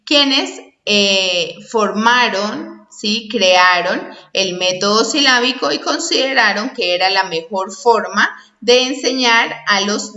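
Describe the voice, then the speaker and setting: A woman instructor giving a lesson, explaining step by step and often checking in with a quick question, sounding out syllables slowly. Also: mid-range voice, pushed and bright. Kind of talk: recorded online lesson. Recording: dull echoey room recording.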